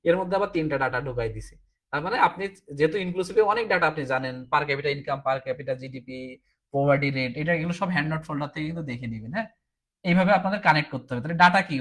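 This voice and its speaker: A man teaching a recorded exam-prep class, explaining step by step and often asking "ঠিক আছে?", sounding tired. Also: fairly high pitch. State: tired, low on energy.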